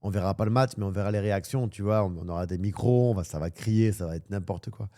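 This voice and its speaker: Male streamer, casual rambling chat, crude and jokey, warm mellow tone. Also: fairly low pitch, fast. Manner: rambling, crude swearing, animated and joking. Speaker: streamer and football pundit.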